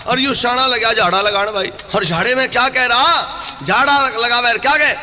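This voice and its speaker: A man's voice: very high voice, normal speed, sharp tone, big-room sound, soft background music. A man with a Haryanvi accent, a folk comedian and preacher, telling rustic jokes and sermon-like asides in dialect on stage.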